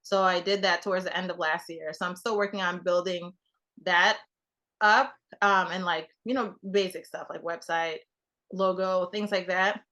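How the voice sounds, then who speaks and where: A woman's voice: lowish voice, steady tone, normal speed, bright, forceful tone. A young woman from Trinidad, a television producer talking casually as a guest, full of fillers and restarts. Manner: rambling, many fillers and restarts. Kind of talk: casual conversation.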